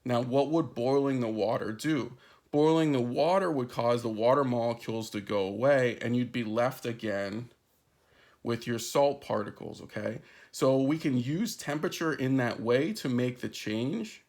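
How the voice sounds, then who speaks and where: A man's voice: mid-range voice, moderate pace, darkish tone. A man recording an introductory chemistry lesson, explaining step by step and often checking in with "right?" and "okay?". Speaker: chemistry instructor. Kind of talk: recorded lecture.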